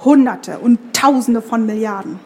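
A determined young tree woman in a fantasy tale, read aloud by a woman, speaking with firm and urgent conviction. The voice sits somewhat high, with a faint murmur of room ambience underneath. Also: normal speed, mellow, dull audio, slight background noise, lightly acted.

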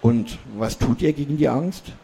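A man's voice: mid-range voice, normal speed, warm tone, slight background noise, pitched above the performer's own voice, lightly acted. A man voicing a shy young boy who stammers astonished questions. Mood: timid.

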